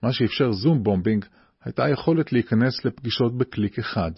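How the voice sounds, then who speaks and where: A man's voice: mid-range voice, creaky, slightly rough, dry recording, muffled recording. A man hosting a podcast, putting questions and explaining things in an informative way. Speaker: podcast host. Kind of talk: interview questions and scripted explanatory narration.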